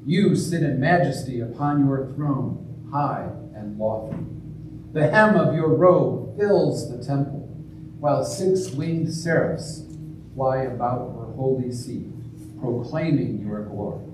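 A man leading a church service, preaching and then chanting the eucharistic prayer in a slow, measured liturgical way, with a heavy cathedral-like echo. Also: medium pitch. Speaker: priest. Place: large church. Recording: echoey church from far off, noisy.

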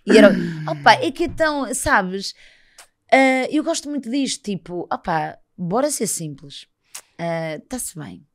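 A woman's voice: medium pitch, unhurried. A woman in her thirties with a European Portuguese accent, chatting casually as a podcast guest and telling stories while acting out the dialogue. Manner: animated storyteller, acts out dialogue. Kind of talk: casual chat.

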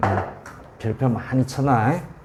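Speaking at a slow pace in a medium-pitched voice, a male math tutor teaches calculus at a whiteboard, repeating values and frequently making sure students keep up. Heavy background noise fills the recording.

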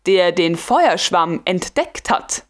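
A man's voice: high-pitched, takes it slowly, exaggerated voice. A woman reading a smug, carefree lieutenant. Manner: calm, self-satisfied, teasing. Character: smug, carefree young male guard lieutenant. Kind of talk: audiobook dialogue.

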